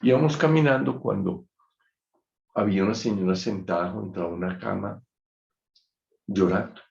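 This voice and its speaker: A man giving an online lecture, measured and reflective, telling an anecdote. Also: fairly low pitch, gravelly, darkish tone. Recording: dull muffled sound in an echoey room.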